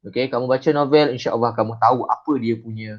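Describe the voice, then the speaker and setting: Malay teacher saying "okey" a lot, lo-fi. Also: male voice, medium pitch, fairly even intonation. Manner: chatty, repeats "okey" and "ha", recites verse lines slowly. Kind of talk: classroom lesson.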